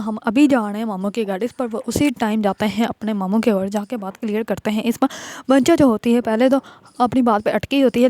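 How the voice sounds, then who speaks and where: A woman casually retelling a drama episode as a narrator, often pausing on hesitant filler sounds. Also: on the high side, dark tone, dry recording.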